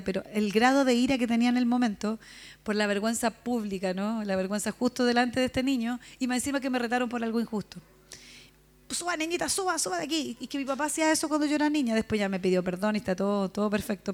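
A woman pastor preaching a sermon, telling a personal story with animated asides and questions to the congregation. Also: a little high. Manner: animated storytelling, acting out her father and herself, asking the audience questions.

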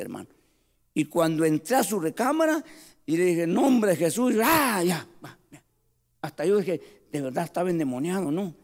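A man preaching a sermon with passion, shouting at the peaks and dropping to quiet storytelling, often calling the listeners "brother". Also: a little high, long reverb tail. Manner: addresses listeners as "hermano" often. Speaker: pastor.

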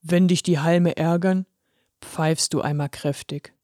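A deep, gruff yet kindly old-fashioned conductor speaks from a children's storybook, as a woman narrator puts him on. His voice sits low and steady, reassuring and a little stern. The recording is close and dry. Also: measured pace, no room sound, close to an everyday voice. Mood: encouraging. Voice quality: deep put-on voice. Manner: gruff but encouraging. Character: kindly male pen conductor with moustache. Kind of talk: storybook reading.

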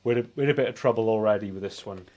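This film review podcast co-host, a British man in his forties, has a lowish, somewhat dark voice and rattles along at a rapid-fire pace. His casual chat drifts into nostalgic rambling.

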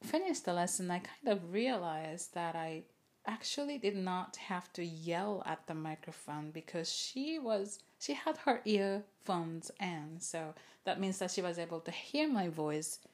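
A woman's voice: on the low side, drawn-out words. A woman chatting casually and unscripted as an online teacher and video host, switching between two languages and repeating herself in both. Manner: chuckles now and then while talking. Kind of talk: casual rambling chat to camera, unscripted.

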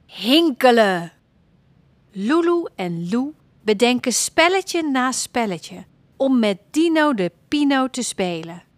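Slow, expressive woman storyteller. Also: high voice, no echo. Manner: expressive, playful storybook reading. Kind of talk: scripted narration of a children's story.

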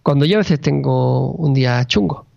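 A man's voice: medium pitch, normal speed, creaky, a little mellow, dull audio. A man from co-hosting a podcast, in casual, emphatic chat with jokingly over-acted enthusiasm. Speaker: podcast co-host.

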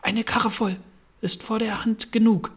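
A man voicing a flustered, bossy male rabbit in a storybook, shouting orders. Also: high voice, level tone, measured pace, slightly rough, pitched above the performer's own voice.

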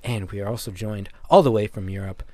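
A man's voice: on the low side, fairly even intonation, a little fast, warm tone. A young man hosting a casual podcast, joking and rambling with frequent laughs. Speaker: podcast host.

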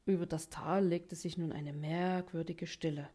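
A woman narrating a children's story aloud in a calm, even manner. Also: on the low side, unhurried.

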